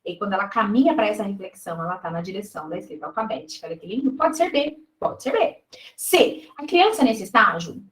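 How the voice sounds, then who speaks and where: A woman reviews exam questions in Brazilian Portuguese, her mid-range voice expressive, fairly quick and fairly bright. The recording is rough and roomy, and she walks through each step while regularly checking on her students.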